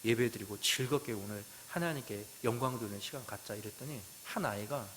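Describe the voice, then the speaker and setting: Male pastor, sermon, storytelling, questions to the congregation, loud bursts and soft drops, mid-pitched, faint hiss. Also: a little fast, low-quality recording. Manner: swings between loud emphasis and quiet asides.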